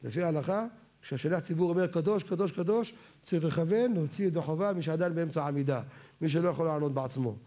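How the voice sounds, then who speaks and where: A man delivers a Torah lecture on religious law. His voice sits a little high for a man yet sounds mellow and warm. He keeps putting questions to his listeners and then answers them himself.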